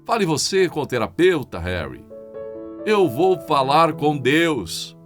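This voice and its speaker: A man voicing a grieving mother who cries out in a shrill, desperate way. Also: big pitch swings, slow. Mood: anguished. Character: grieving mother screaming in anguish. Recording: clear guitar music behind. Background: guitar music.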